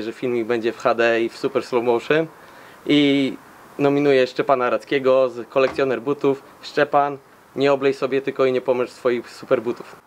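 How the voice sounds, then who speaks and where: A man's voice: medium pitch, smooth. A Polish man speaking casually to camera, giving nominations for a challenge video. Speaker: challenge participant. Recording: noticeable ambient background noise.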